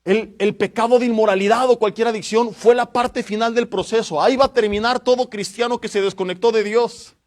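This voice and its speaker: A pastor preaching a sermon with passion, moving between hushed and loud emphasis and asking listeners direct questions. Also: male voice, very high-pitched, fairly even intonation, fairly quick, hardly any pauses.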